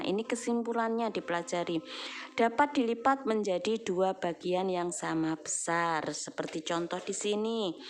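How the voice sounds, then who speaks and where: A middle-aged woman primary school teacher from Indonesia giving a recorded lesson, explaining patiently and repeating points with small check-ins to the children. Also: medium pitch. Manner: explains slowly, repeats with "ya" and "nah".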